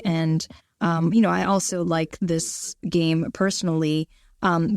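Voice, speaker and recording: A woman working as a live interpreter on a podcast, relaying a question in the first person with frequent fillers and pauses. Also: lowish voice, darkish tone.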